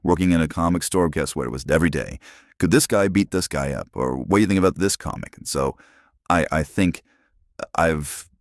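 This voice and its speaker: Speaking briskly into a phone, this Arizona channel host in his forties rambles casually and keeps restarting his sentences. A voice changer pitches him very deep, and the recording is dry with clean studio sound.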